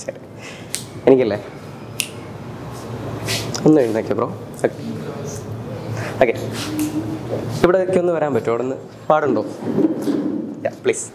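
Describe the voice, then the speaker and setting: A man performing mentalism for people on the street, talking in a calm, coaxing way and repeating soothing instructions. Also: medium pitch, a little slow, long pauses, background noise. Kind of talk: street performance patter with spectators. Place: outdoors in public.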